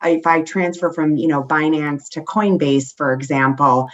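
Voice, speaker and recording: A woman speaking as a conference panelist in a thoughtful, halting way with fillers and restarts. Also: deep voice, fairly even intonation. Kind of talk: panel discussion. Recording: muffled lo-fi audio.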